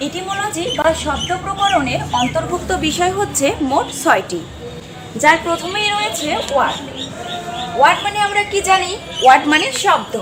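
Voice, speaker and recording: High, lively woman teaching. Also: moderate pace, noisy background. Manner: methodical, defines then gives examples. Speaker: online English grammar teacher. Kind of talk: structured lesson explanation.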